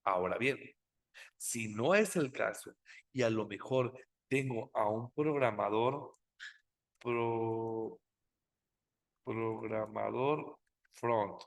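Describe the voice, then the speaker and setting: Slow, patient male software instructor. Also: fairly low pitch, creaky. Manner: slow, explanatory, asks rhetorical check questions. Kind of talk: screen-recorded tutorial explanation.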